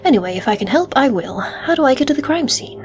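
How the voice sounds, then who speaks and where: A woman voicing a composed male police detective, reading his case narration from a video game in a measured, deliberate way. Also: high-pitched, animated, soft background music. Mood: calm, businesslike.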